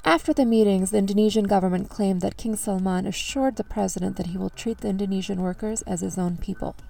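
Mellow, creaky woman reading news, slightly distant. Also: medium pitch, steady tone, quick pace. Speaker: news narrator. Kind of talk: scripted news narration. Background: faint music.

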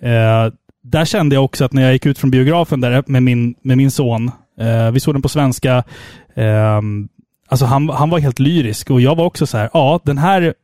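A man's voice: mid-range voice, a little mellow, no room sound, clean studio sound. A man hosting a casual interview, an enthusiastic fan who chuckles as he talks. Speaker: interviewer, host.

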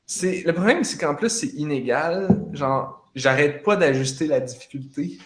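A man's voice: fairly high pitch, lively intonation, unhurried, fairly bright tone. Rambling Québécois man recounting a game. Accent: Quebec French. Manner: rambling storytelling with frequent fillers. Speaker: gamer recounting a video game. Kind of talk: casual chat.

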